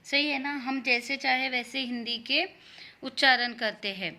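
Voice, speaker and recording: A woman with a bright, clear voice sitting slightly high in her range teaches Hindi grammar to young schoolchildren. She explains patiently and repeats each word slowly so the pupils can follow. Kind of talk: online grammar lesson for children.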